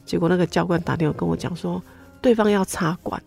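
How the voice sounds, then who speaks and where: This middle-aged woman talks fast in a fairly low, slightly rough voice with vocal fry, her accent Taiwanese Mandarin. Giving her personal faith testimony as an interview guest, she tells it animatedly with many exclamations over faint music.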